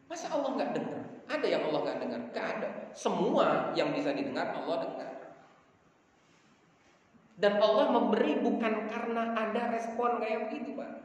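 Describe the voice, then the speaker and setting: A male preacher delivers a folksy, joking dawn sermon and talks straight to the congregation. His voice sits a bit higher than most men's. The recording comes from far off in a big, reverberant mosque hall with faint room noise underneath. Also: big pitch swings, normal speed.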